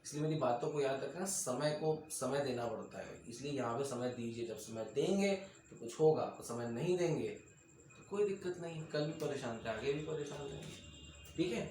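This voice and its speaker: A man's voice: medium pitch, normal speed, a little mellow. A man teaching an exam-prep English lesson, repeating his points and putting questions to his students. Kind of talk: classroom lesson, explaining to students. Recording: very echoey room, mic far off, faint noise.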